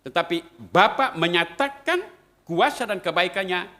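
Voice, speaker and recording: A middle-aged male priest tells a story in his homily and acts out the voices of its people. His voice sits fairly high and swings widely in pitch. It has a bright, forceful edge. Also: unhurried. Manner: animated, acts out quoted voices.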